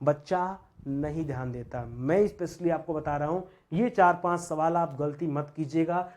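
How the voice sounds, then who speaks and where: A man's voice: a little high, moderate pace, darkish tone. A male teacher giving an online grammar lesson, asking his students questions and drilling each point with repeated checks. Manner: repeats questions to students, calls them friends; drills points, frequent "theek hai".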